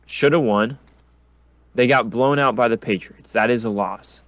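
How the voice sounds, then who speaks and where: A man's voice: medium pitch, measured pace, a bit bright, no room sound. A man hosting a casual sports predictions chat in an easygoing, laid-back way. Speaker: podcast host.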